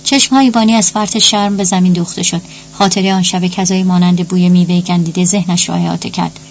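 A woman narrating a suspense novel in a steady, dramatic reading. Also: lowish voice, creaky. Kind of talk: audiobook narration. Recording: dull lo-fi recording with faint hum.

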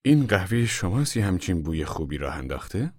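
Brief: male reader playing a cheerful, chatty little camp boss, low voice, dry sound. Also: big pitch swings, no echo. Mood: friendly. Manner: warm, friendly, chatty. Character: small, friendly, chatty camp manager. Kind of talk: audiobook character voice.

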